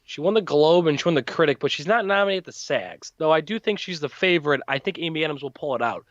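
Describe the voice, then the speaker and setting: Lively, gushing man on a dry mic. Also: on the high side, quick pace, dry recording, highs cut off. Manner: enthusiastic, gushing, giggly. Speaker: podcast co-host. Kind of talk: casual movie review chat.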